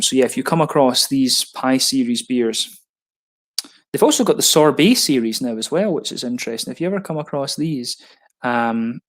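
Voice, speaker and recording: Chatty man unboxing beers. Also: mid-range voice. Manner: chatty and rambling, with frequent ums. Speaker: beer reviewer. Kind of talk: casual unboxing commentary.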